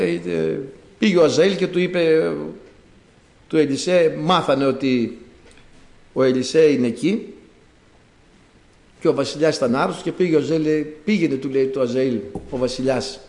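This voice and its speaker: A man preaching a sermon, retelling a Bible story in an animated way and acting out the characters' words. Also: a little high. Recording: echoey room.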